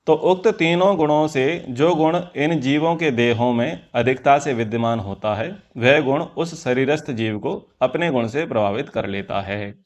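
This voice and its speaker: A man's voice: mid-range voice, moderate pace, hardly any pauses. A man teaching a scripture class, explaining earnestly and repeating key phrases for emphasis. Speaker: Vedic teacher.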